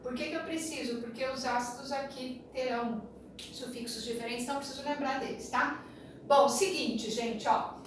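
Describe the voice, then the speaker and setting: A Brazilian woman with a high voice teaches a chemistry class at a moderate pace with fairly even intonation. She lectures chattily in Brazilian Portuguese and repeats a sing-song memory rhyme. The room is very echoey, the mic distant, and there is faint noise.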